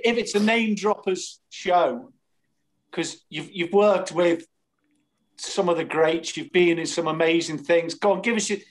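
Jovial middle-aged co-host, high voice. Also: male voice, a little slow. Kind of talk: casual chat. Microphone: video call.

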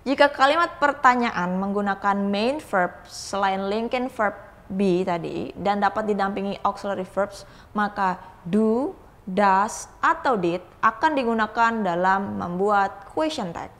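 A woman English lecturer giving a recorded video grammar lesson in a casual, explanatory way, often pausing on "eh" and slowing to stress example phrases. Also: medium pitch, a bit bright. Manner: casual explanatory teaching with frequent "eh" fillers and tag-like "gitu ya".

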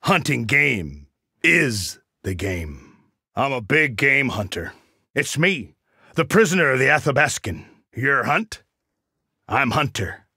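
Hunter, a husky, cocky mercenary tracker. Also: male voice, mid-range voice, sing-song, slow, bright, forceful tone, no echo, studio quality, full character voice. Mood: smug, wry. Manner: wry, sardonic, punning. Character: cocky Alaskan big-game hunter mercenary, wry predator. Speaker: video game character. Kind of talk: video game combat barks and taunts.

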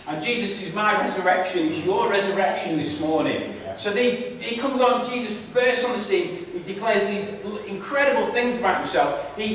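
A man's voice: high-pitched, a little hiss or hum. A man preaching a sermon, emphatic and repetitive, often restarting his phrases. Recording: echoey hall, voice from far off.

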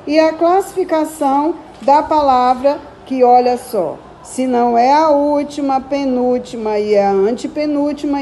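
A woman's voice: on the high side, warm tone, a little hiss or hum. A woman teacher with a Brazilian Portuguese accent, patiently going through a recorded school lesson and drawing out words to stress their syllables.

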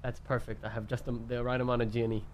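A man's voice: medium pitch, little pitch movement, very fast, slight background noise. A man chatting casually in a role-play game, pushy and scheming, swearing freely. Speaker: streamer playing a role-play character.

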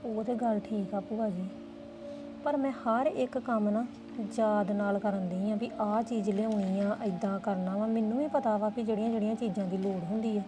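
A woman's voice: mid-range voice, fairly even intonation, moderate pace, noisy background. A woman playing a young woman in a family drama, complaining and defensive. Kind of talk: Punjabi family drama dialogue.

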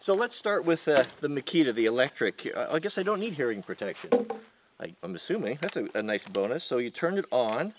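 In a very noisy outdoor recording, a man in his forties with a mid-range, sing-song voice tests chainsaws in a yard beside a tractor. This vlogger's casual, hands-on demonstration rambles and halts, full of restarts and fillers.

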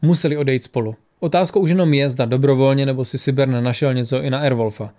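A man voicing a calm, aloof male wizard who explains matter-of-factly in an audiobook. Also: medium pitch, natural voice.

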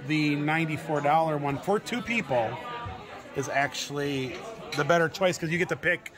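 This fairly high-pitched man speaks at a moderate pace as he casually walks viewers through a restaurant meal. He's a travel vlogger in his forties, laughing often and repeating words, with crowd noise from the busy indoor restaurant around his table.

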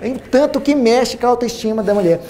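On an auditorium stage before a large audience, a forties-aged man with a Brazilian Portuguese Minas Gerais accent, a plastic surgeon, delivers an animated seminar on a lapel mic. His voice is very high and brisk, and he repeats phrases to stress them.

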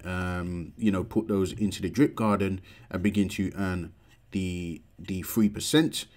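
A man in his thirties hosting a casual screen-share tutorial from a room at home, talking into a desk webcam setup. He walks through each step with frequent "um" and "uh" and closes almost every point with "okay, guys" or "all right, guys?". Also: sits low. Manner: steady explanatory walkthrough with frequent "um" and "uh". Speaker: crypto channel host.

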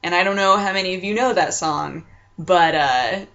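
A woman's voice: lowish voice, normal speed, fairly bright tone. A woman in her twenties chats casually as a vlog host at home, rambling playfully and acting out what she describes. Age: 20s. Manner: playful, rambling, acts out sounds and quotes. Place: small furnished room at home, indoors. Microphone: computer webcam mic at arm's length. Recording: dull lo-fi webcam sound.

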